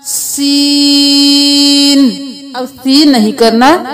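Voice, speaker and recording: A woman teaching a slow Quran reading lesson, explaining each letter patiently and drawing out the letter sounds for learners to repeat. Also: a little high, animated, music in the background. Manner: patient step-by-step instruction.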